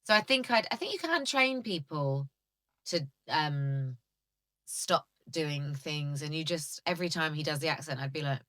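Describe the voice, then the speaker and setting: A woman guest on a comedy podcast, talking in a blunt, playful and animated way in casual chat. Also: sits low, normal speed, no echo, studio quality.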